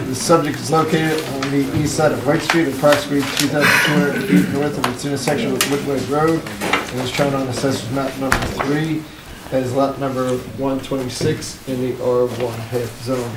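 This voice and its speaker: A man chairing a town commission meeting, reading out the agenda in a measured way with some hesitant fillers. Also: medium pitch, fairly even intonation. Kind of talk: formal meeting procedure. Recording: echoey room, distant mic, background noise.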